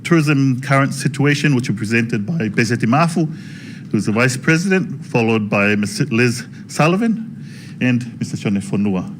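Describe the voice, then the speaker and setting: A man's voice: medium pitch, expressive, moderate pace. Man, hesitant, noisy room. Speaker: tourism authority presenter introducing speakers. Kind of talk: informal public address at a launch event. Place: conference room.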